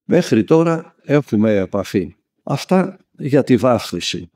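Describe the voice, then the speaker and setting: A man's voice: medium pitch, very animated, darkish tone. A man from Greece, a monk and spiritual elder, preaching a sermon and telling stories vividly, acting out the people he quotes. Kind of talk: spoken sermon.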